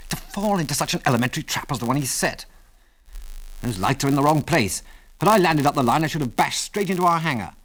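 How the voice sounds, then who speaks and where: A man's voice: fairly high pitch, lively intonation, quick pace, fairly bright tone, pitched above the performer's own voice. A man voicing a confident male pilot in an audiobook, with clipped, decisive delivery. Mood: scornful. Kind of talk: audiobook character voice.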